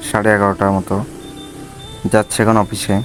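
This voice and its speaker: A man's voice: on the low side, flat delivery, fairly quick, soft background music. A man with a Bangladeshi accent chats casually and reflectively to viewers as he rides, speaking from inside a motorbike helmet. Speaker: motovlogger. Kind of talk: casual riding vlog chat.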